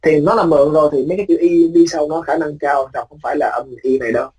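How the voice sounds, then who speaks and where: Husky-voiced male teacher explaining phonetics. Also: fairly high pitch, darkish tone, poor audio. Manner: explains patiently, drawing out example words slowly; repeats points for emphasis with tag words. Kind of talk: recorded phonetics lecture.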